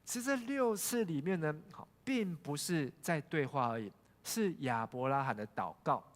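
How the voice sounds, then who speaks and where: Pastor guy, kinda high voice, telling a story to the church, big echoey hall. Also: animated, normal speed. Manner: storytelling, asks the congregation questions, frequent "hao" fillers. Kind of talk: sermon. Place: church sanctuary. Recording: long church hall reverb.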